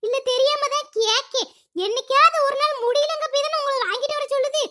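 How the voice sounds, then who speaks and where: A woman's voice: extremely high pitch, steady tone, brisk, bright, forceful tone. A woman voicing a sick, self-pitying village mother of three in a cartoon, whiny and fretful. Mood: indignant. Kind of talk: cartoon voice acting.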